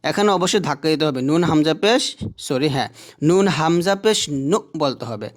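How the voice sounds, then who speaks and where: A man teaching Quran recitation, spelling out each letter and vowel and then chanting the phrase slowly and patiently for listeners to repeat. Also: fairly high pitch, animated. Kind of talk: slow spelled-out recitation lesson.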